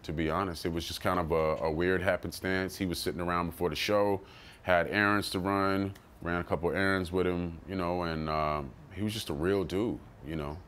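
Male rapper, low voice, casual and animated storyteller, quotes people in bursts, swears freely. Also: fairly quick, a little hiss or hum. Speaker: rapper telling his story.

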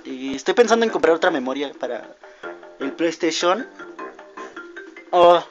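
A young man giving rambling gameplay commentary, easily distracted and yelling when things go wrong. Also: a little high, animated, brisk. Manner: rambling, easily distracted, shouts at game mishaps. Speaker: gamer. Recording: dull lo-fi audio with loud game music.

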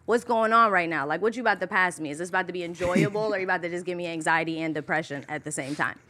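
A woman in her thirties from Iran, a brash, animated podcast guest who swears freely, on a studio mic with headphones. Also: fairly low pitch, racing. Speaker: guest, cannabis roller and marketer. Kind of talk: casual podcast interview.

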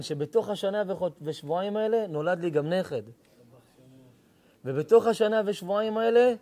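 A rabbi delivers an emotional sermon. His voice sits a little high for a man. He shifts from soft, confiding moments to fervent, pleading outbursts. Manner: impassioned, rising to pleading cries.

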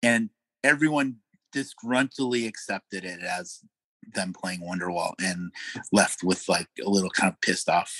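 A man's voice: sits low, measured pace, no room sound, low-quality recording. Dry-voiced middle-aged male musician storyteller. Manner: animated anecdotes with frequent laughs and fillers. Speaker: guest musician. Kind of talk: casual storytelling interview.

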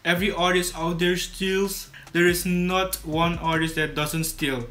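A teenage boy from Suriname, a YouTube creator whose first language is Dutch, casually explains his video process to camera in a scripted tutorial vlog, often restarting his words. His high, sharp voice shows little pitch movement and keeps a measured pace. He records indoors in a small bedroom studio.

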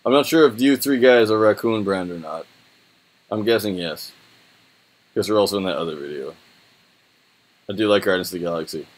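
A young man with a fairly low voice talks through a screen review off the cuff. His delivery is informal and rambling, with loose slang. He sounds like he is at his computer in a small room. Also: brisk, long pauses, rough recording. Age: young adult. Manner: informal, rambling, laid-back slangy talk. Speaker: website reviewer. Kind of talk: casual think-aloud screen review.

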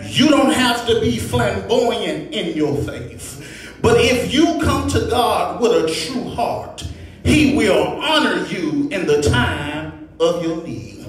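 Addressing his congregation with rhetorical repetition, a man delivers a fervent sermon that climbs from measured phrasing to shouting. He has a high, animated voice, and the recording sounds echoey, as if taken from a distant microphone in a hall.

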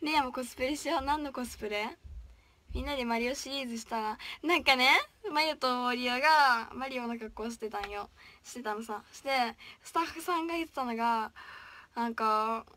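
Brief: young female idol, livestream chat, high and bright, playful, slips into whispers reading comments. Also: a little fast. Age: young, still a student. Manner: chatty and playful, drops to whispers while reading.

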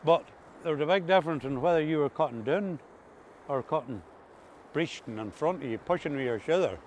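An older man with an Ulster Scots accent and a slightly high voice reminisces in broad country dialect. He talks casually, as in an interview. The recording is made outdoors, with some ambient noise behind him. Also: lively intonation, brisk. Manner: speaks in broad rural dialect. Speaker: interviewee recalling farm life. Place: outdoors on a grassy coastal path by the sea.

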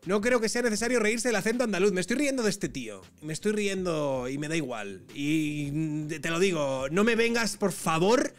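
A man with a Madrid accent giving sarcastic, ranting commentary on clips as a streamer, swinging between loud outbursts and muttering. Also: high-pitched, animated, moderate pace, hardly any pauses. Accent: Madrid Spanish. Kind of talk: casual reaction commentary.

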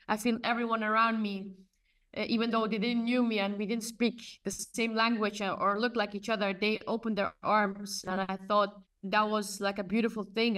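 A woman in her thirties from Afghanistan answers interview questions on a video call from a room in her home, earnestly telling her story. Her medium-pitched voice is a bit bright, and the mic sounds distant.

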